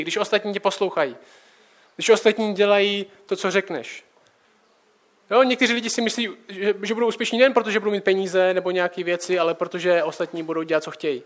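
Young guy with a high voice doing a chill sermon, keeps asking the listener questions. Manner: conversational, direct address with rhetorical questions. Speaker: preacher.

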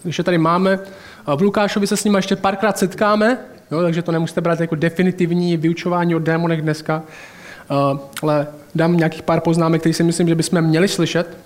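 A man's voice: fairly high pitch, level tone. A man preaching a sermon in a colloquial, chatty way, mixing in personal anecdotes and asides.

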